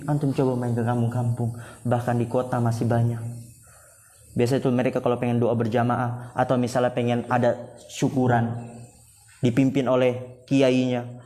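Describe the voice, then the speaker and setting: A man with an Indonesian accent teaching a religious lesson, emphatic, with drawn-out Arabic recitation that climbs sharply when he quotes. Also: mid-range voice, fairly even intonation, mellow. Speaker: Islamic teacher.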